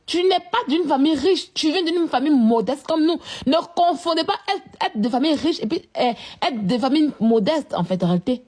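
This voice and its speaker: A woman's voice: sits high, animated, brisk, hardly any pauses, a little mellow. A woman ranting at someone in a scolding, repetitive, confrontational way. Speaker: vlogger. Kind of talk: live-stream rant.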